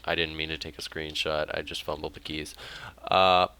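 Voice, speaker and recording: A young man with a very low, bright and smooth voice talks through his gameplay in a rambling, excitable way. Keys click now and then as he plays. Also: normal speed. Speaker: gaming YouTuber. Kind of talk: casual let's play commentary.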